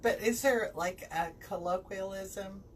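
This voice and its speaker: A woman's voice: medium pitch, a little slow. A woman hosting a casual, chatty interview and putting questions to her guest. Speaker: interviewer, host. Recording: distant mic, faint background noise.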